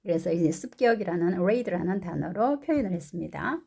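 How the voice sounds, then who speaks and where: A woman's voice: on the low side, expressive, fairly quick, gravelly, warm tone, breathy edge. A woman English teacher reading a picture book aloud and patiently explaining words and pronunciation.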